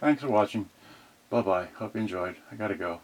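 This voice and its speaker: Brisk and fairly low in pitch, an electronics unboxing host works through a casual, unscripted unboxing, rambling, thinking out loud, and often trailing off. The audio is a noisy home video with clicks.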